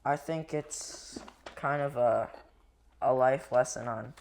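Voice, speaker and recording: A young man co-hosting a casual podcast, joking and tossing in quick interjections. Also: mid-range voice, creaky, a little mellow, a little hiss or hum. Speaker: podcast co-host. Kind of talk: casual chat.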